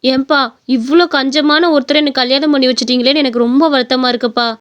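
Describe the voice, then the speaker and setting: A woman with a Tamil accent voicing a quick-tempered young wife in a cartoon story, scolding and complaining. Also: high-pitched, fairly even intonation, smooth, highs cut off, natural voice. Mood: pleading. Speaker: voice actor.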